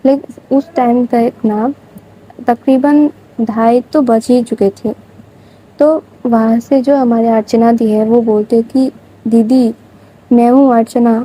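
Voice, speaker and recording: Woman, storyteller, casual story narration, high pitch, very dark warm tone, chatty asides. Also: steady tone, slightly rough, poor audio. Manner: chatty, loose retelling with asides.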